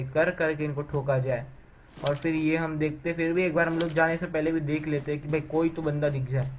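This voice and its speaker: A young man giving a casual, excited and self-mocking voice-over of his own gameplay, telling the match as a joking story. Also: a little high, a little hiss or hum, rough recording. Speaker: gamer narrating his match. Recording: voice-over with clear game gunfire behind.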